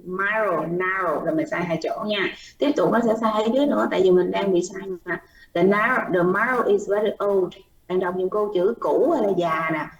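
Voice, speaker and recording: A woman's voice: mid-range voice, lo-fi sound. A woman teaching pronunciation, patiently explaining errors and repeating words as models. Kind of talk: online class feedback, mixing Vietnamese and English. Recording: roomy, distant mic with faint noise.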